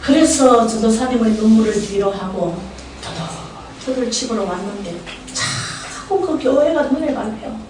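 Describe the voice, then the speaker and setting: In an echoey church sanctuary, an older woman with a Gyeongsang Korean accent preaches as a prayer house director, telling humorous stories and chatting with and questioning the congregation. Her fairly high voice is animated but a little slow, over a noisy background on a distant mic with poor quality.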